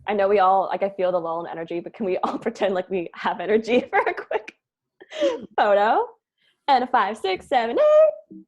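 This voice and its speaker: A woman who created a show is leading a cast table-read meeting, chatting casually and rambling with an informal, jokey manner. Her mid-range voice has a sing-song lilt, a darkish tone with the highs cut off, and a moderate pace.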